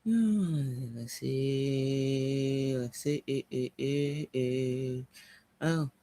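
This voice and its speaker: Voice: mid-range voice, extremely slow, mellow, dry recording. A young adult chatting casually on a home livestream, rambling and thinking aloud into a laptop mic.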